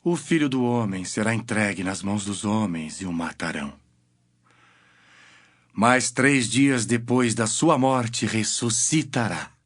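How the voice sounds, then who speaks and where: A man's voice: fairly low pitch, animated. A man playing Jesus as a grave, authoritative teacher in a dramatized scripture audio, with a Brazilian accent. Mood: solemn teaching. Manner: solemn, measured, commanding.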